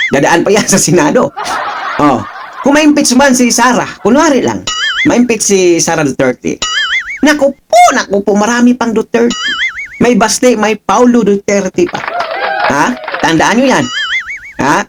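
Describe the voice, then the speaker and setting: A man's voice: high voice, very animated, normal speed, noisy background. A man giving mocking reaction commentary as a political vlogger, laughing often and taunting with rhetorical questions. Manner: taunting, laughing, keeps asking "ha?".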